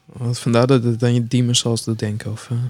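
A man's voice: medium pitch, little pitch movement, a little fast, a little mellow. A man co-hosting a podcast, chatting casually with dry, blunt remarks. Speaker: podcast co-host. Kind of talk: casual chat.

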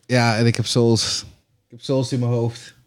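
A man co-hosting a podcast, talking in a casual, animated way, swearing and dropping English phrases. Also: medium pitch, moderate pace. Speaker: podcast co-host. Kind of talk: casual chat.

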